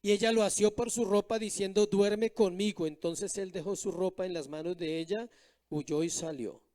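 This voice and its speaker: High-voiced male pastor preaching a sermon. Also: fairly even intonation, moderate pace, darkish tone. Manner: preaching with rhetorical questions to the congregation; reads scripture verses aloud.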